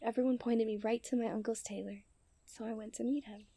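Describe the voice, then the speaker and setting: Through a close studio-style microphone, a young woman plays a coy, refined and tender princess in a romantic ASMR roleplay. Her mood is playful and knowing, and her storybook diction often softens to a near-whisper. Her voice is on the high side and steady in tone, fairly quick, slightly rough, with vocal fry.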